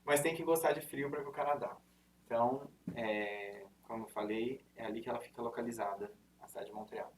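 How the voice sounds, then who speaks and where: A university representative from inner São Paulo state, Brazil, in his thirties, delivers a loose, talkative presentation to students, correcting himself and using many fillers. His medium-pitched voice is brisk and steady, with the caipira R, and a distant microphone catches faint room noise in the lecture room.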